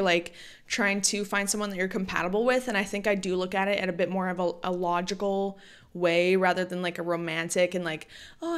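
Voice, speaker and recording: A woman in her late twenties hosts a solo podcast, her medium-pitched voice clean and her tone casual. She's chatty and fills her talk with plenty of "like."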